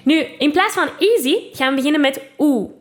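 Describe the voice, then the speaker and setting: Woman, Flemish accent, singing teacher, fairly high voice, patient explaining, sung demos. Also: expressive, a little fast, music in the background. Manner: explains patiently, with frequent "hè" tags and sung vocal examples. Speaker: singing teacher and podcast host. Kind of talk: spoken vocal lesson with sung demonstrations.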